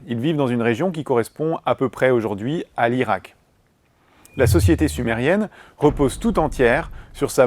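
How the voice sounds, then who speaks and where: Male narrator, mid pitch, measured, clear lesson delivery, dry close mic. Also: darkish tone, no echo. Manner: clear, measured, lists items one by one. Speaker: music history teacher. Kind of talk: scripted educational narration.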